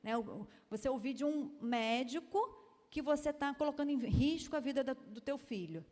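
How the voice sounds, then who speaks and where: A woman's voice: sits high, normal speed, darkish tone. Brazilian woman lecturing in a hall. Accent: Brazilian Portuguese. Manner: chatty, with frequent tag questions and quoted voices. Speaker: pediatrician giving a seminar talk. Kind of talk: lecture talk.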